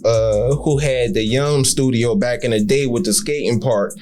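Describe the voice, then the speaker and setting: A man's voice: medium pitch, moderate pace, a little mellow. A man in his thirties, a rapper, chatting on a podcast in slangy, rambling talk full of restarts. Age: 30s. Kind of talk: casual podcast chat.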